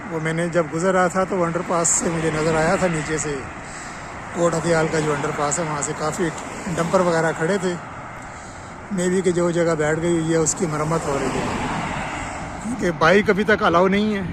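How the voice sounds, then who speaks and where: This is an outdoor road update from a Pakistani-accented man vlogging next to construction works, delivered plainly and explanatorily. He speaks at normal speed in a slightly high voice with fairly even intonation. Traffic, vehicle noise and outdoor ambience are loud throughout.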